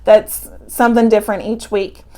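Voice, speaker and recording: A woman's voice: mid-range voice, level tone, normal speed, dark tone. A woman with a Texan accent walking teachers through a phonics lesson in a friendly, explanatory way. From Texas, US. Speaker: teacher and curriculum presenter. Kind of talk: instructional walkthrough.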